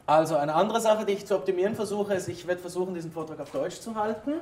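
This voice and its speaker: This man talks fast in a high-pitched, slightly mellow voice while explaining ideas informally at a conference, speaking straight to his listeners. He is a native German speaker and a former molecular biologist. A little hiss or hum accompanies the echoey sound of a distant hall microphone.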